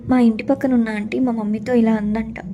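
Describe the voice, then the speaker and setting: A woman's voice: a little high, little pitch movement, fairly quick, mellow. A young woman narrating her own story in the first person, earnest and sorrowful.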